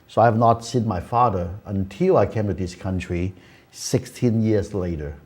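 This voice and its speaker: A man's voice: fairly low pitch, normal speed, darkish tone, slightly rough. A man in his seventies, born in Hong Kong, hosting a talk show and telling a personal story earnestly, with many "you know"s and "uh"s. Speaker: host. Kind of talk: casual chat. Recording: community access TV studio.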